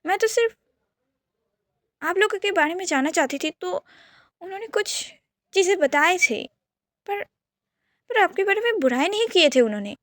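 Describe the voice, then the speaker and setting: A woman voicing an earnest young woman, gentle but stubborn, defending someone with quick insistent pleading in a storybook reading. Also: sits high, animated, no echo, studio quality.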